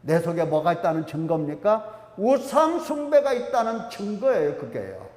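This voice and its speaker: A man's voice: high-pitched, very animated, moderate pace, a little mellow, roomy sound, big-room sound. A male pastor preaching a sermon with emphasis, often asking the congregation questions. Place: church sanctuary.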